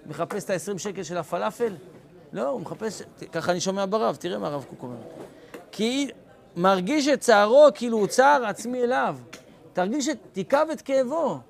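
Gravelly-voiced rabbi giving a lively class. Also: male voice, sits high. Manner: lively, calls on students by name, acts out scenes. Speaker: rabbi teaching students. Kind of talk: informal Torah class.

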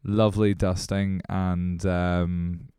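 A man's voice: low voice, slow, clean tone, dry recording, clean studio sound. A man co-hosting a podcast in casual chat, rambling with many fillers. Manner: rambling, relaxed, full of fillers. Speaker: podcast co-host. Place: small podcast studio.

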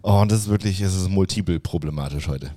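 Low, dark-voiced man venting frustration. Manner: frustrated venting, quick rambling restarts. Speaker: podcast co-host. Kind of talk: casual podcast chat. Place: office.

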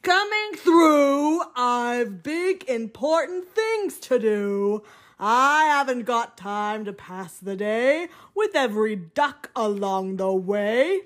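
A woman's voice: a little high, animated, slow pace. A woman playing a blustering big dump truck. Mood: bossy. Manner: bossy, blustering. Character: big, self-important male dump truck.

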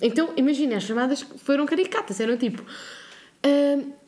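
Animated high-voiced Portuguese woman. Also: rapid-fire, a little hiss or hum. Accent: European Portuguese. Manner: animated storyteller acting out quoted phone calls. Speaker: podcast co-host. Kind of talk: casual chat.

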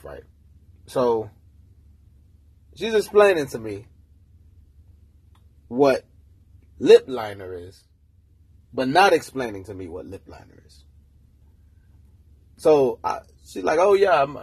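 A man's voice: medium pitch, slightly rough. A man hosting his own podcast, ranting casually and telling a story with lots of swearing. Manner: profane, animated storytelling. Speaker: podcast host. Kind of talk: casual solo rant. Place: room, early morning.

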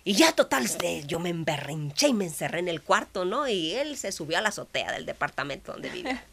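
A woman, a guest telling a personal faith story with lively acted-out dialogue. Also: fairly low pitch, a little fast, gravelly, slight background noise. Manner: expressive, acts out dialogue, drops to whispers. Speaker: guest sharing a faith testimony.

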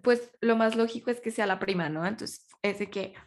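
A woman's voice: medium pitch, moderate pace. A young woman with a Mexican accent, co-hosting a podcast and casually recapping a romance novel in a chatty way, full of fillers. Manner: chatty, with many fillers like "o sea" and "como que". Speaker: podcast co-host. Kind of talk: casual chat recapping a book.

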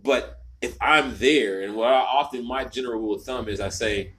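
A man's voice: medium pitch, moderate pace, fairly bright tone. A man co-hosting a casual chat from a home garage, telling stories with emphatic asides. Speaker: podcast co-host.

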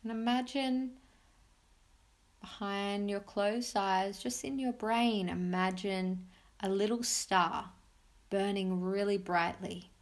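A woman's voice: medium pitch, level tone. Soothing woman guiding mindfulness. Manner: soothing, unhurried instructions with pauses. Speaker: podcast host and mindfulness guide. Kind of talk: guided meditation for families.

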